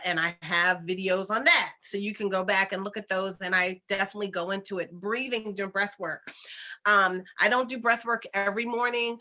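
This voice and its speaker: A woman with a bright, forward voice at a medium pitch talks to her viewers as a spiritual coach. Her delivery is casual and earnest, wandering conversationally and checking in with listeners as she goes. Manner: earnest, conversational, often checking in with 'you know' and 'right'. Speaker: spiritual coach and host of oracle readings.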